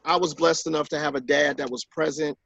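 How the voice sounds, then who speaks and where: Man, 40s, talk-show guest author; slightly higher voice, dry recording, lively storytelling. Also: a little fast, gravelly, dry recording, highs cut off. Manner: animated storyteller who acts out quotes in higher voices. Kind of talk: casual conversation.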